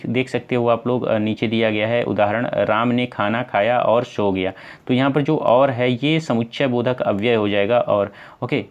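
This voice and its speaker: Man teaching Hindi grammar. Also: medium pitch. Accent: North Indian Hindi. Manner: explains step by step, asks and answers own questions; addresses viewers as friends, many fillers. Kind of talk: exam-prep lesson.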